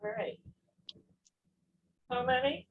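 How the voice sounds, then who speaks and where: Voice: high voice, animated, slow pace, gravelly, phone-quality sound. A training client chatting and joking while asking questions during a workout. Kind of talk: casual chat during a workout.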